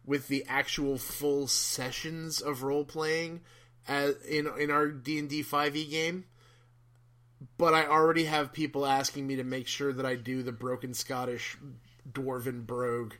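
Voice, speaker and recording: A man co-hosting a casual podcast, playful and jokey, quick to tease his co-host. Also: mid-range voice, level tone, sharp tone.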